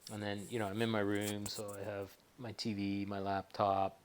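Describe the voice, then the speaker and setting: A man's voice: lowish voice, little pitch movement, normal speed. A man talking casually and a bit hesitantly in a rambling personal vlog from his bedroom, as a patient giving a recovery update. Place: bedroom at home.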